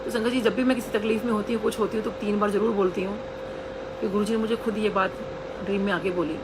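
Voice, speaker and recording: Speaking quickly and in a steady tone, a woman with a medium-pitched voice gives a congregation an earnest account of her own experience, voicing the people she quotes. She is a devotee sharing her testimony, and heavy background noise fills the recording.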